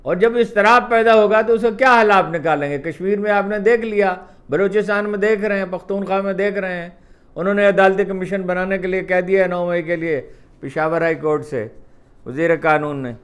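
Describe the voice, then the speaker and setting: High-voiced man giving emphatic political commentary. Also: steady tone. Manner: emphatic, repeats points for stress.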